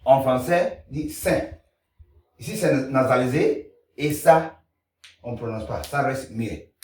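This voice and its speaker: A man teaching pronunciation, slowly drilling and repeating sounds, recorded at a distance in an echoey room. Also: medium pitch. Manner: slow, repetitive drilling of sounds. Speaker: language teacher. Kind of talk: pronunciation lesson.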